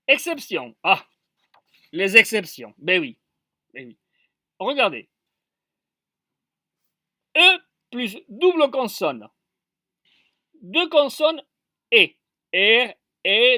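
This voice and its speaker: A woman's voice: medium pitch, sharp tone, dry recording, studio quality. A woman teaching French spelling and accents to Spanish speakers, spelling out letters one by one and repeating words. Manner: switches to Spanish to explain. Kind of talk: classroom lesson.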